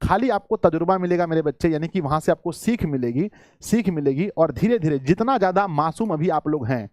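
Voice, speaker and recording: A man's voice: on the high side, lively intonation, a little fast, a little mellow, no echo, clean studio sound. A man teaching a live online exam-prep class, coaxing and repetitive, calling his students children.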